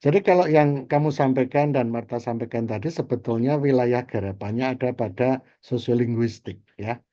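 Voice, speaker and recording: Guy lecturing his class over a video call, mellow voice, kinda muffled, keeps repeating key words. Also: mid-range voice, normal speed. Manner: explanatory, repeats key terms with "gitu ya".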